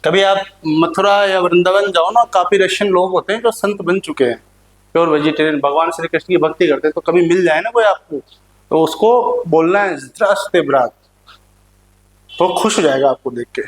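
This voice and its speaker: A man teaching a playful lesson to students, repeating words slowly and joking with them. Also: sits high. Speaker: language teacher. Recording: echoey room.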